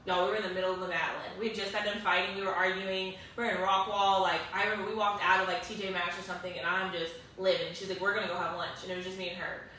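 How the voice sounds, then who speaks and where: A young woman speaks earnestly and emotionally, her voice bright and forceful. She sits away from the microphone in a very echoey room. Faint hiss runs underneath. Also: mid-range voice, level tone, rapid-fire, few pauses, recorded from a distance. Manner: earnest, emotional, many fillers. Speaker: guest sharing her story. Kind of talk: emotional personal storytelling.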